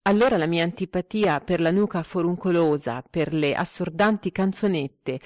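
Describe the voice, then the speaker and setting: A woman reading a literary story aloud in a measured, expressive way, giving the quoted dialogue some life. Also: fairly low pitch, no room sound, studio quality. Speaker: narrator.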